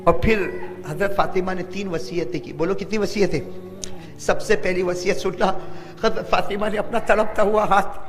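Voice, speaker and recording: A man's voice: high voice, steady tone. A male preacher telling a sacred story in an emotional sermon, pressing his listeners with questions. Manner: impassioned, asks the audience rhetorical questions. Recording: long hall reverb.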